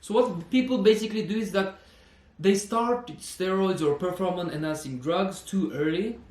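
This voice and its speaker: A man's voice: high voice, moderate pace, darkish tone, echoey room. A man, a personal trainer talking earnestly in a fitness vlog, repeating himself and saying "you know" often. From Norway. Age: 20s.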